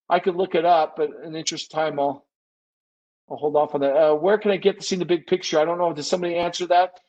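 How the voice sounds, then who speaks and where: A man with a high voice presents an informal live webinar Q&A, thinking aloud conversationally and often correcting himself. He's a business consultant, and the audio quality is poor.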